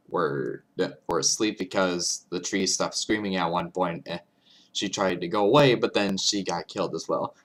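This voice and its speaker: Halting, lowish-voiced man reacting casually. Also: a bit bright. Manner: halting, repeats and restarts phrases heavily. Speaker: reaction video host.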